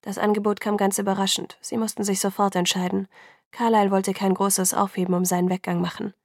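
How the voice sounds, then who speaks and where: A woman reading aloud voices a calm, grey-browed older country doctor, speaking in soothing, measured sentences. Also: medium pitch, dry recording, clean studio sound, lightly acted.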